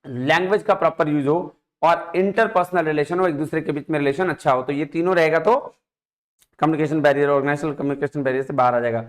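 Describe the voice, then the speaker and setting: A man teaching an exam prep lesson, going through quiz questions, reading English question text slowly and explaining in quick asides while coaxing students to answer. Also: on the high side, fairly even intonation. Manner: coaxing, keeps asking students to tell the answer.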